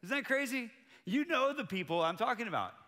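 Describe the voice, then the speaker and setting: A man's voice: extremely high pitch, brisk. Earnest male pastor in a reverberant hall. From grew up in Colombia. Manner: earnest, building to excited emphasis. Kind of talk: sermon.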